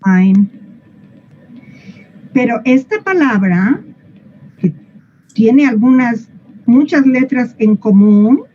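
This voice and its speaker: Slow-spoken woman teaching English. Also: on the high side, expressive, warm tone, dull audio, slight background noise. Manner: patient, playful, asks the class questions and models sounds. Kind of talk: classroom explanation.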